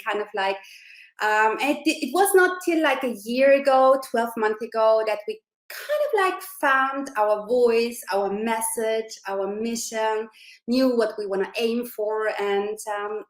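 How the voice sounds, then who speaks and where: A woman's voice: fairly high pitch, reverberant. A woman in her forties from Austria, an interview guest on a video call, chatting enthusiastically with many fillers. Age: 40s.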